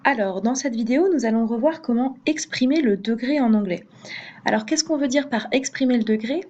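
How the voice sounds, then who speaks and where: A woman's voice: fairly high pitch, fairly quick, darkish tone, highs cut off. A woman teaching an English grammar lesson in French, patient, with fillers and hesitations, repeating each example twice.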